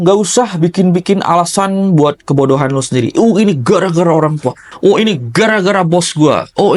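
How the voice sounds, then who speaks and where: A man giving a blunt motivational rant, scolding and crude as he confronts the listener. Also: medium pitch. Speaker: motivational speaker.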